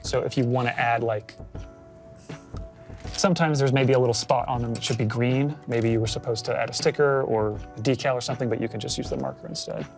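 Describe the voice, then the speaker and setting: Woman, very low pitch, gravelly, patient, explanatory, casual chat, faint lo-fi music behind. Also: steady tone, brisk, a little mellow. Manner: patient, explanatory, with frequent ums. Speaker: stream co-host guiding a model build. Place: studio, indoors. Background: lo-fi beats music.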